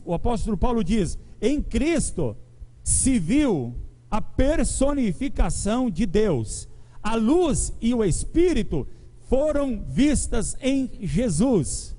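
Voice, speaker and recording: A man's voice: high-pitched, dark tone, poor audio. A man preaching a sermon, leading his congregation in reading scripture aloud together.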